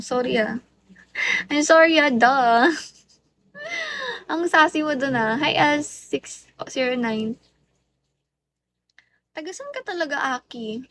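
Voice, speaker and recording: A woman's voice: sits high, fairly bright tone, a little hiss or hum. A young Filipino woman with a Filipino accent, livestreaming from home on her phone and greeting viewers one by one in a playful, teasing way. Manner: switches between Tagalog and English, playful and teasing. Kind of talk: casual live stream chat greeting viewers.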